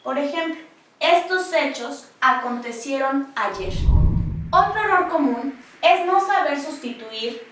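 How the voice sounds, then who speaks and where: Woman, high voice, slow deliberate spelling lesson, echoey and distant mic. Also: expressive, a bit bright. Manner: slow, deliberate dictation-like delivery. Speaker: spelling teacher. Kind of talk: slow scripted lesson narration.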